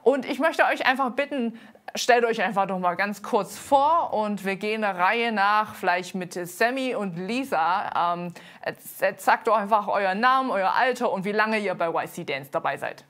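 An earnest woman in her thirties, a host and dance team leader, presents a show on a TV studio set through a lapel mic. Her mid-range voice is a bit bright with lively intonation, and her speech halts with many fillers.

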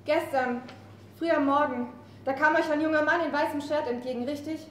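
A defiant young rebel woman, read by a woman actor who hammers home accusing questions with passion. Her voice is high, and the live café recording gives it a roomy echo. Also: steady tone, a little fast, fairly bright tone, a little hiss or hum. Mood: interrogating. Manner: impassioned, accusing, rhetorical. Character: defiant young female rebel fighter, Zelda. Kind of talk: staged play reading.

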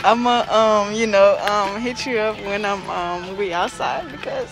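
A woman's voice: medium pitch, measured pace. A young woman hosting a casual vlog, talking in a loose, slangy way and laughing easily while eating. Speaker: vlog host. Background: music.

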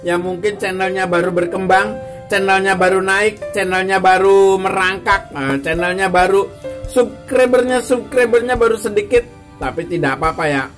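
A man's voice: high-pitched, normal speed, a bit bright, faint music behind. A man vlogging casually with tips for beginner YouTubers, joking and repeating his phrases as he addresses viewers. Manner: jokey, repeats phrases, greets viewers as bro, guys, ma'am, sir. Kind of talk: casual chatty vlog.

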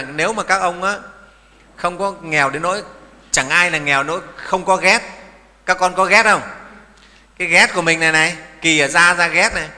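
A man's voice: sits high, bright, forceful tone, big-room sound. A middle-aged man, a Buddhist monk giving a sermon in a folksy manner, often asking his listeners questions.

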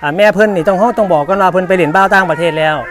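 Man, Isan Thai accent, high voice, rapid live sales pitch, livestock seller, polite, repetitive. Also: background noise. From northeastern Thailand. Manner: polite, repetitive, ends phrases with polite particles.

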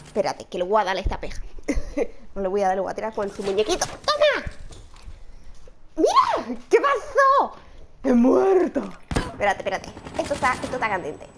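A young woman giving excitable gameplay commentary, shouting and shushing as she plays. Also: medium pitch, fast, noisy background. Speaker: gaming channel host.

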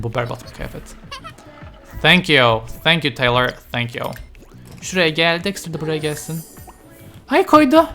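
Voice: medium pitch, bright, forceful tone. Chatty let's-player talking to game characters. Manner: chatty, talks to game characters, frequent exclamations; mixes English game terms into speech. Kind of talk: casual let's-play commentary.

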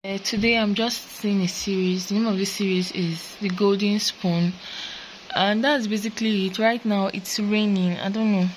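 A woman's voice: medium pitch, moderate pace, slight background noise, rough recording. Chatty young woman vlogging at home. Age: young adult. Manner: chatty, relaxed, talks straight to camera. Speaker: student vlogger. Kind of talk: casual vlog chat. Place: small apartment room and kitchen, indoors.

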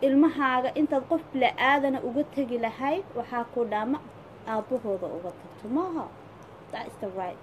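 A woman's voice: high voice, fast talker, lo-fi sound. A woman with a Somali accent giving casual, opinionated advice in an emphatic, pleading way, repeating phrases for stress. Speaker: social media commentator giving advice. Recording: clear background noise.

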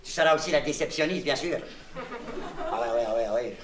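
A comedian with a Québécois French accent plays a naive, childlike vagabond clown, his mid-range natural voice moving briskly as he rambles and confides in the listener, mangling words and tossing out puns. A crowd murmurs behind him on a noisy old LP recording that sounds echoey and distant.

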